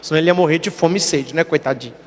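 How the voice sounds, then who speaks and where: High-voiced Brazilian priest preaching emphatically. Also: male voice, racing, long reverb tail. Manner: emphatic preaching, acts out quoted voices in short stories. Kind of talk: sermon.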